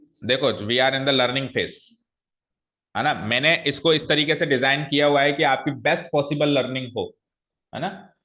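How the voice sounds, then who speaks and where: A man's voice: medium pitch, unhurried, sharp tone. A man teaching an English grammar lesson to a class, explaining step by step and quizzing his students.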